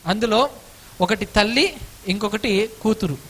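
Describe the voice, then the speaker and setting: Very high-voiced male preacher. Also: measured pace, fairly bright tone. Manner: poses rhetorical questions and answers them. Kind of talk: storytelling sermon.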